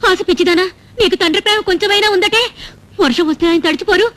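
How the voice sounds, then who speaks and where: A woman's voice: high voice, expressive, a little fast. An actress playing a gullible, doting middle-aged widowed mother in a comic film scene, fussy and melodramatic. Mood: scolding. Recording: film audio with soundtrack music behind.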